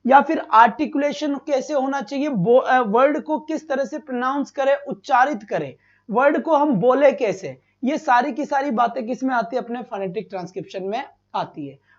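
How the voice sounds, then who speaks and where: A man's voice: extremely high pitch, moderate pace, highs cut off. A man teaching a live online exam-prep lesson, asking his students questions, repeating each one and fondly calling them "beta".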